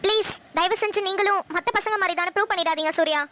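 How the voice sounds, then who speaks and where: A woman's voice: very high voice, fast talker, background noise. A woman voicing a reserved, self-made young businesswoman in a cartoon, speaking firmly. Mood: guarded. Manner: reserved, firm. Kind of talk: cartoon voice acting.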